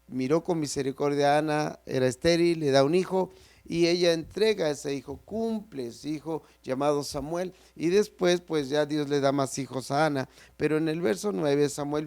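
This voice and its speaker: A man's voice: fairly high pitch, gravelly, a little mellow, clear, resonant tone. A man with a Mexican Spanish accent preaching a sermon in an earnest, emphatic way, repeating phrases and addressing listeners directly.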